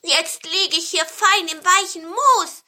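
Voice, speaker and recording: A woman voicing a small, timid male pine cone in a storybook, speaking in a high, pleading voice. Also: takes it slowly, sharp tone, full character voice. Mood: pleased. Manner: fearful, pleading, high and squeaky.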